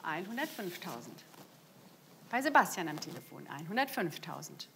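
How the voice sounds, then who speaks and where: A woman's voice: fairly low pitch, big pitch swings, moderate pace, vocal fry, fairly bright tone, a little hiss or hum. A middle-aged woman working as an auctioneer, calling out bids live and repeating the figures with emphatic stresses. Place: indoor saleroom at a lectern. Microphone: lapel microphone.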